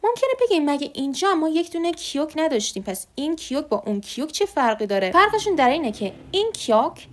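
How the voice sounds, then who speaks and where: A woman teaching Korean letters, patiently repeating each sound slowly. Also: sits high, sing-song. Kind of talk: online alphabet lesson.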